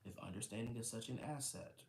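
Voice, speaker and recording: Male reader, mid pitch, casual and self-correcting, roomy recording. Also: brisk, gravelly, a little mellow, slight background noise. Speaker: host reading a book aloud. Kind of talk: reading a book aloud. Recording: roomy echo, faint ambience.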